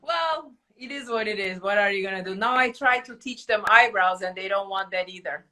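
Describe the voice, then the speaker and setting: A middle-aged woman from Turkey, speaking English with a Turkish accent, telling animated stories in casual podcast chat with slightly broken English. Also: mid-range voice, brisk. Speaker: podcast host.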